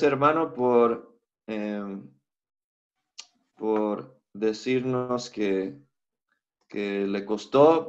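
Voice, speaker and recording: Man, online Hebrew lesson, slow unhurried talk with fillers, dull lo-fi sound. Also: mid-range voice. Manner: unhurried, thinks aloud with fillers. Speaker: Hebrew teacher. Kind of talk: screen-share software lesson. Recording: slightly dull lo-fi audio.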